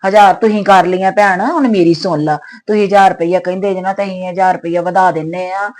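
A woman's voice: fairly low pitch, fairly even intonation, fast, darkish tone, close to an everyday voice. Woman playing a pleading humble tenant. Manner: pleading, submissive. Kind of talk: skit acting.

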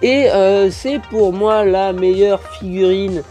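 Man, French accent, toy review, slow and hesitant, mellow voice. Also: high voice, soft background music. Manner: hesitant, many fillers, chatty detail.

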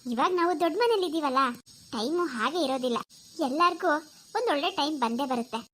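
A woman's voice: high voice, lively intonation, a little fast, fairly bright tone, a little hiss or hum. A woman voicing a kind but scolding middle-aged mother in a cartoon, with a soothing yet firm way of talking. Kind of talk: cartoon voice acting.

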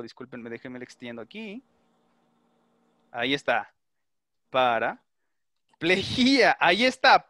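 Male instructor, middle-aged, slightly high and bright voice, methodical lecturing style. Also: dry recording, clean studio sound. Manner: methodical, explains step by step and checks understanding. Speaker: teacher. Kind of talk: online class lecture with questions to students.

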